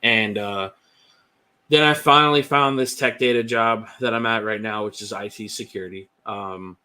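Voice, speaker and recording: A man's voice: lowish voice, fairly even intonation, moderate pace, sharp tone, smooth. A man talking as a podcast guest, candid and rambling, with lots of "like" and "um". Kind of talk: casual personal testimony.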